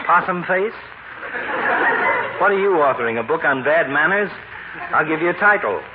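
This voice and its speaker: Dry, needling middle-aged doctor , played by a man, highish voice, mock-courtly insults, old radio comedy, very noisy recording. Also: lively intonation, moderate pace, phone-quality sound, a loud crowd, close to an everyday voice. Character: sardonic, articulate middle-aged doctor who trades insults. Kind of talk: 1940s radio comedy acting.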